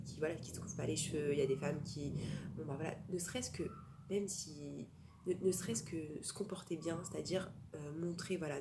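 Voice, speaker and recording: A woman with a low voice gives an informal religious lesson, talking in a hesitant way. She stops often on fillers and starts her sentences again. Faint background noise runs under the recording. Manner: hesitant, many fillers and restarts. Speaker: Torah class teacher.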